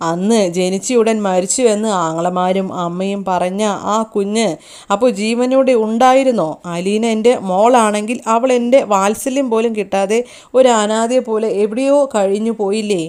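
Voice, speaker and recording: A woman's voice: medium pitch, steady tone, moderate pace, a little mellow, clean tone, natural voice. A grieving middle-aged mother pleads and accuses in a raised, tearful voice, as a woman narrator reads her lines. The reading stays close to an everyday voice, more recited than performed. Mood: anguished.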